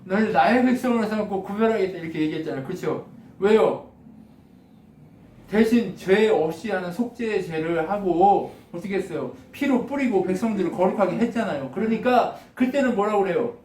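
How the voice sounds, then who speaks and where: High-pitched pastor in an echoey church. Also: male voice, a little fast, slight background noise. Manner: animated, acts out God's lines with laughs. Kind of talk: lively conversational sermon. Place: church sanctuary. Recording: echoey room, mic from a distance.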